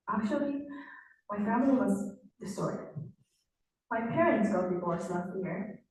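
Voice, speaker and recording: A young woman giving a rehearsed formal speech as a contestant, with emphatic, dramatic delivery and pauses. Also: mid-range voice, a little mellow. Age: young adult. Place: large indoor hall on stage. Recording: very echoey hall from far off.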